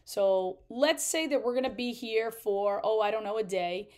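A woman's voice: fairly high pitch, normal speed, a little mellow. A woman in her thirties, an RV travel vlogger, explaining a trip-planning tool step by step in a chatty way. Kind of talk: screen-share tutorial walkthrough.

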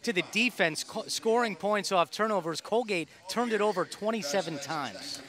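A man's voice: high voice, expressive, normal speed, a bit bright. A man hosting a post-game basketball show from a courtside desk, speaking into a headset mic in a polished broadcast delivery. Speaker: studio host.

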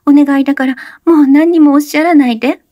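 A woman's voice: sits high, fairly even intonation, quick pace, mellow, dry recording, studio quality, voice pushed up, close to an everyday voice. A woman voicing a desperate, guilt-ridden young woman who pleads breathlessly through sobs in a spoken story reading. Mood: pleading.

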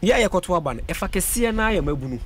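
On radio, a young Ghanaian parliamentary aspirant speaks with a high, expressive voice at a quick pace. He mixes Twi into his English as he reels off vote figures at a studio mic on a boom.

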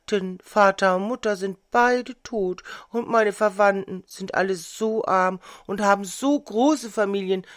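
A woman's voice: mid-range voice, dry recording, clean studio sound, natural voice. A woman voicing a timid orphaned girl of about eight in a storybook reading, plaintive and shy.

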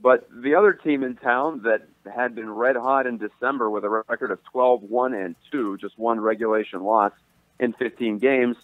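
Over a tinny phone connection, a male sports reporter offers detailed commentary, speaking steadily at a moderate pace in a mid-range voice. The recording itself is dry.

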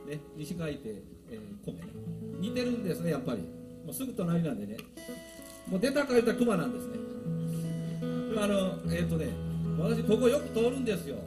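A man's voice: sits high, big pitch swings, a little fast, pauses often. A man with a Banshu accent, a band leader, chatting and rambling on stage at a live show. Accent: Kansai, Banshu dialect. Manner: chatty, rambling, mimics local dialect. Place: outdoor park stage. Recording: live outdoor recording with guitar behind.

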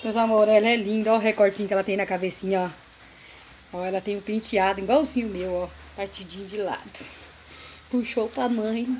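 A woman's voice: mid-range voice, steady tone, brisk, a little mellow, slight background noise. A woman vlogging casually at home, chatting to her viewers and cooing in baby talk at her puppies.

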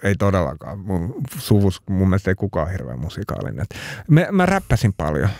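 A man's voice: sits low, big pitch swings, creaky, darkish tone, dry recording, studio quality. A Finnish man, a talk show guest, telling his story in a rambling casual way with many restarts. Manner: rambling, frequent restarts and fillers.

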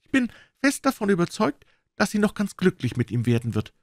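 Male reader doing scheming storybook mother, high, chatty, ingratiating. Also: huge pitch swings, fairly quick, no echo, studio quality, full character voice. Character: fussy scheming middle-aged mother.

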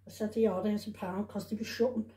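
Her warm, steady, medium-pitched voice moves fairly quickly as she presents a shopping haul from home. She rambles and repeats herself, adding little questions to the ends of remarks, and the room sounds echoey.

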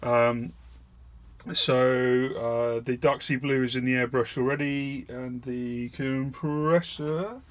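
A man's voice: mid-range voice, fairly even intonation, takes it slowly. A man hosting a casual hands-on painting tutorial, thinking aloud in a self-deprecating way. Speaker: miniature painting video host. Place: indoor painting studio.

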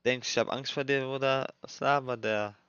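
A man's voice: medium pitch, steady tone, moderate pace, a bit bright, smooth, no room sound. A young man doing nervous, swearing let's play commentary in street slang, reading game text aloud as he plays. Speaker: gaming streamer. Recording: dull lo-fi mic, dry.

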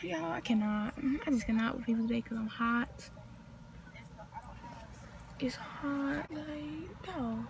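Her voice a little high and creaky, a North Carolina teen vlogger takes her time, leaving long pauses as she rambles to her phone camera outdoors. The Southern-accented chat is slangy and full of side comments, and the background is noisy.

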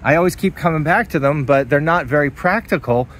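Fairly quick and fairly high-pitched, with a bit of brightness, a man shows off a hands-on task in a casual, enthusiastic vlog style. The clip is recorded in a parked car and outside in a driveway, with clear background noise from both.

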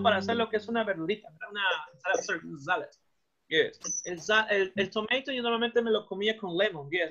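Speaking with a Peruvian Spanish accent, a primary school English teacher runs a bilingual lesson for young pupils, switching cheerfully between the two languages and repeating words. His voice sits high and comes across pushed and bright. Sound quality is lo-fi and muffled.

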